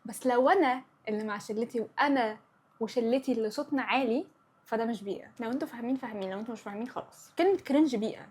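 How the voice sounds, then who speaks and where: A young Egyptian woman hosts her own chat show with an Egyptian Arabic accent, rattling through her opinions very quickly. Her voice sits high and has a slightly husky edge, and she drops English words in as she talks. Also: darkish tone. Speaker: podcast host. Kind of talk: casual chat.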